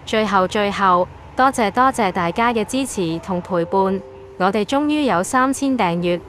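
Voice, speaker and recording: A woman's voice: mid-range voice, lively intonation, normal speed, slight background noise. A woman with a Hong Kong accent hosting a video with scripted explainer narration.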